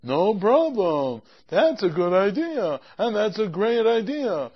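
A patient, agreeable small-town baker, as an actor plays him, calmly going along with every fussy request. He talks slowly, at an unhurried middling pitch, and the recording sounds dull and lo-fi. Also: breathy edge, heavily acted. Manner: agreeable, keeps saying no problem. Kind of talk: amateur comic storytelling skit.

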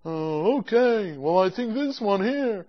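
Someone doing a chill agreeable baker guy, slow talker, muffled recording. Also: mid-range voice, animated. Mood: patient. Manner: agreeable, keeps saying no problem. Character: obliging small-town baker. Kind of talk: amateur comic storytelling skit. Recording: dull lo-fi recording.

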